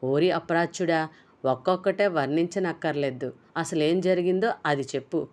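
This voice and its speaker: A woman voicing an excitable middle-aged man, a protective uncle who scolds and shouts in exasperation. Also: lowish voice, normal speed, natural voice. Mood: exasperated.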